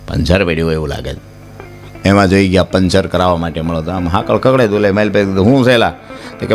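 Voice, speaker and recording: A man telling folk stories and jokes on stage, animated and acting out characters. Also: fairly low pitch. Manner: animated, acts out characters, addresses listeners as "sir". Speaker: folk storyteller and comedian. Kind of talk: Gujarati dayro storytelling to a live audience. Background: plucked string music.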